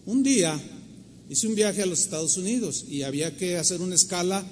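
A man's voice: sits high, expressive, fairly quick, darkish tone, big-room sound, slight background noise. A man with a Mexican accent preaching a sermon, telling personal stories and asking the audience rhetorical questions. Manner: storytelling, exhorting, rhetorical questions.

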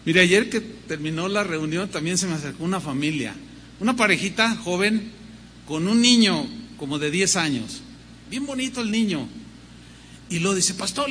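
A man's voice: sits high, sharp tone, big-room sound, a little hiss or hum. An older man preaching a sermon as pastor, telling a story with acted-out dialogue and rhythmic lists of words.

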